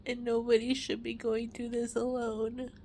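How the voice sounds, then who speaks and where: A woman crying with a snotty, tearful voice as she makes an emotional personal confession in halting, broken phrases. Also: a little high, completely flat delivery, mellow, slight background noise. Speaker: mother sharing a personal testimony.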